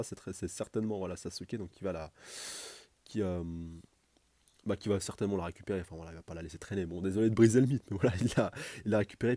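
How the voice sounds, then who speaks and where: A man's voice: low voice, mellow, breathy edge, dry recording. A man casually commenting page by page on a manga chapter, rambling and chatty with many restarts. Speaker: manga reviewer.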